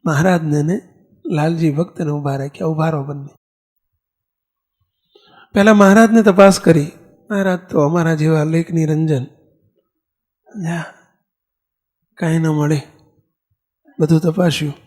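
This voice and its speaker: A man with a Gujarati accent giving a sermon as a monk, telling a story in an animated way and acting out the characters' lines. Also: on the high side, normal speed, pauses often.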